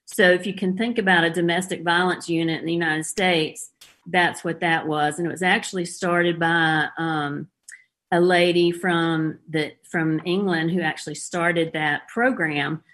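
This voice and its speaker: A woman's voice: lowish voice, steady tone, a little slow, fairly bright tone. A middle-aged woman with a Southern US accent, a former police officer telling her story plainly as a guest in an interview.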